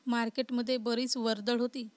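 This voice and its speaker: A woman narrating a love story in an even, unhurried reading voice. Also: on the high side, dry recording.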